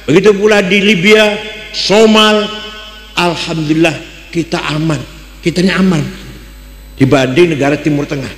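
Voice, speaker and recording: An older man with a Javanese accent giving a religious lecture, asking his listeners questions and switching between loud exclamations and dry jokes. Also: high voice. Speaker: Islamic cleric giving a talk. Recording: echoey hall with long reverb.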